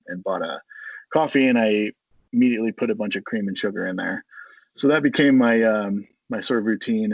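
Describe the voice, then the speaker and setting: A young American man, a podcast guest, rambles in a friendly way with lots of fillers. His low voice is husky and gravelly. The recording sounds dry and a bit dull. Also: dry recording. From United States. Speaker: coffee company co-founder, guest. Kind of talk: casual interview.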